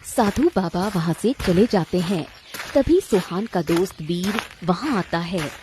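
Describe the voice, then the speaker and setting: A woman narrating a children's cartoon story in an expressive, dramatic way. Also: on the low side, unhurried, a little hiss or hum.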